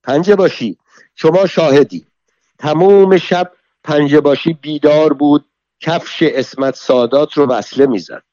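A foul-mouthed, quarrelsome middle-aged woman, put on by a male reader, scolding and hurling insults in a loud, fierce voice. The recording is dull and lo-fi, in a dry room with no echo. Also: a little high, natural voice. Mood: shouting. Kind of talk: dramatic story reading.

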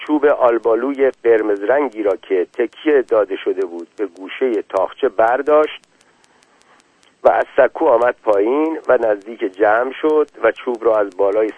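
A man's voice: mid-range voice, no room sound. Man reading a story, tinny dry sound. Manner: reads narration plainly and gives the characters' lines short voiced turns. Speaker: narrator. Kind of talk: audiobook reading of a story with dialogue.

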